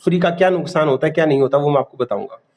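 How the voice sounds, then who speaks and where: A man's voice: a little high, rapid-fire, darkish tone. A man teaching a class, quizzing students and repeating key terms. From India. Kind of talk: classroom lecture.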